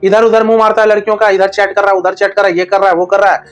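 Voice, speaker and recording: Man, relationship advice vlogger, high voice, blunt, crude jokes, slangy casual talk. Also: level tone, very fast, soft background music.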